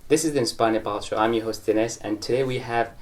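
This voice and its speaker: A man's voice: medium pitch, fast. A man hosting a casual interview, friendly and hesitant with many fillers. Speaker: host. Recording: roomy, distant mic.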